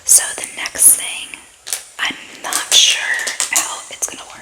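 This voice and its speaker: A woman hosting an ASMR show-and-tell in a breathy, unvoiced whisper, chatting softly and ramblingly as her voice gives out. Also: takes it slowly, poor audio. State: losing her voice, sore throat. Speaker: ASMR channel host.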